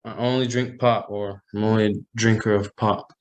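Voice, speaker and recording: A man teaching a language class over a video call, slowly repeating phrases for learners. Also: lowish voice, level tone.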